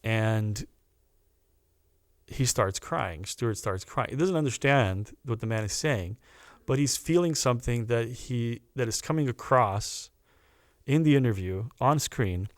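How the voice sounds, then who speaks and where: A man, a guest on a podcast, telling a personal story in a casual, animated way, often stopping to restart a phrase. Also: medium pitch, unhurried, no room sound. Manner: animated anecdote teller with restarts.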